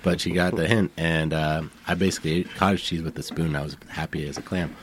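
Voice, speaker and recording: A man with a very low voice tells a casual story, stopping often with ums and uhs. There is faint background noise in the studio. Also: steady tone, fast. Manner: hesitant, many fillers. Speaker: guest.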